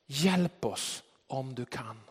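A man's voice: mid-range voice, expressive, breathy edge, pitched below the performer's own voice. A preacher voicing a desperate father who begs for help for his sick son, in a raised, pleading voice. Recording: long hall reverb.

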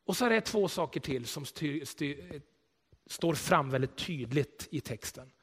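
A man preaching a sermon in a church, telling stories with animation, swelling loud for emphasis and then dropping quiet. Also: a little high, lively intonation, slightly rough, big-room sound. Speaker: pastor.

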